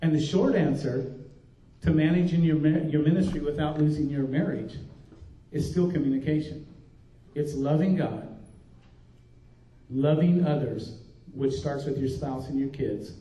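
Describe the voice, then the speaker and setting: This older man, a pastor, talks unhurriedly in a fairly high, mellow voice, pausing often as he gives a heartfelt, folksy workshop presentation with frequent restarts. It was recorded at a distance in a conference room, sounding dull and roomy.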